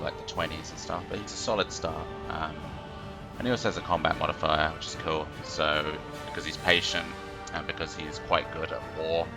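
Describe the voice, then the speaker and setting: A let's play host with a rumbling, gravelly low voice runs a casual gameplay tutorial at a desk microphone. He explains things loosely and rambles, packing his speech with fillers.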